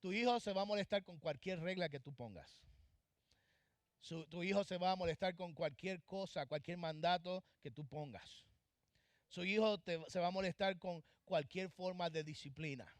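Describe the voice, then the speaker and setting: Male pastor, sermon, high voice, dry close sound, impassioned, loud-to-hushed swings. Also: moderate pace, no room sound. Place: church.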